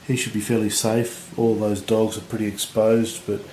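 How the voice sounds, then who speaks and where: Husky man, mellow lowish voice, rambling battle commentary, echoey room, faint noise. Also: moderate pace. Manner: relaxed, rambling, lots of fillers. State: husky voice from recovering illness. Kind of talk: casual game commentary.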